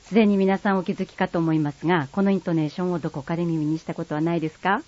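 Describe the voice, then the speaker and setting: A woman from Kagoshima giving a scripted mini-lesson on her home dialect, explaining in a playful, clear way. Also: on the low side, fairly even intonation, rapid-fire, darkish tone. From Kagoshima, Japan. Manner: explanatory and playful, drawing out quiz words. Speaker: dialect teacher. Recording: slightly muffled dry recording.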